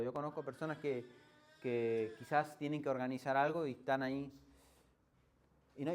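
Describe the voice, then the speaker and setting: A man's voice: a little high, a little mellow. A male pastor with an Argentine accent preaching a sermon in a conversational way, often asking the congregation rhetorical questions and restarting phrases as he explains. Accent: Argentine Spanish. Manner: hesitant restarts while explaining. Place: church.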